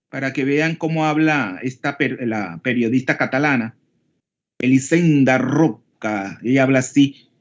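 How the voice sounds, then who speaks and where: A man with a Panamanian Spanish accent, teaching an online class and explaining step by step while he keeps checking in with his students. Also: mid-range voice. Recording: dull lo-fi call audio.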